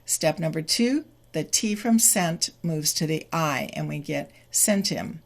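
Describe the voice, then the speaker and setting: Woman pronunciation teacher, low voice, very slow deliberate delivery, spells out sounds. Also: expressive, creaky. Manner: spells out sounds and repeats example phrases slowly.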